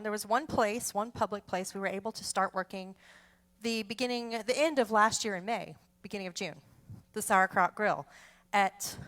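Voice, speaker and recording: A woman's voice: medium pitch, fairly bright tone. A woman, chatting in a rambling way between polka songs as the host of a music show. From Texas. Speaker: polka band musician hosting an online show. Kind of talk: casual chat between songs.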